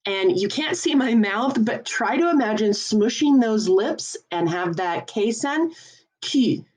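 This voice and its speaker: A woman teaching a French lesson, explaining each point patiently and enunciating clearly. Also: fairly high pitch, animated, a little slow, darkish tone. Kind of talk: classroom lesson.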